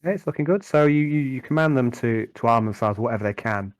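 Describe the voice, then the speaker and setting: A man narrating a tabletop game as game master, improvising in a conversational, halting way and often repeating words. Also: medium pitch, dry recording.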